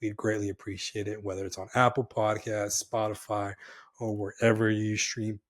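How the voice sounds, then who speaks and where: A man co-hosting a casual podcast, a bit hoarse, talking with energy and calling his co-host brother. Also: fairly low pitch, flat delivery, moderate pace.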